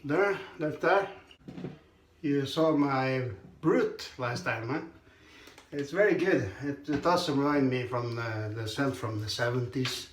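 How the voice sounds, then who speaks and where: A shaving vlogger with a hoarse, medium-pitched voice chats casually while he shaves in a small tiled indoor bathroom. He talks slowly and haltingly, clearing his throat often. His camera sits on the counter at arm's length, picking up echo and faint noise.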